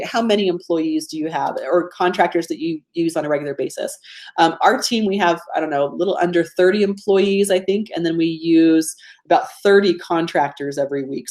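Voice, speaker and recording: A woman's voice: fairly low pitch, a little mellow. A woman with a Georgia Southern accent hosting an informal online training, chatty and self-deprecating, often checking in with her listeners. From Georgia, United States. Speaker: host of a live online productivity training. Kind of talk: informal webinar teaching with audience interaction.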